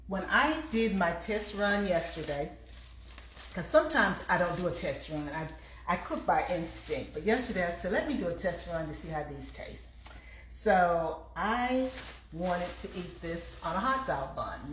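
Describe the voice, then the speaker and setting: A woman with a fairly low voice talks casually to viewers of her cooking stream. She rambles and thinks out loud as she goes. The room rings with echo, and there is faint noise behind her. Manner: chatty, rambling, thinking aloud. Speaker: home cooking livestream host. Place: indoors in a home kitchen.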